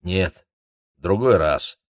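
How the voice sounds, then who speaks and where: A man's voice: low voice, expressive, slow, no room sound, studio quality. A man playing a gloomy, matter-of-fact cook. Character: gloomy cook, knowledgeable and dry.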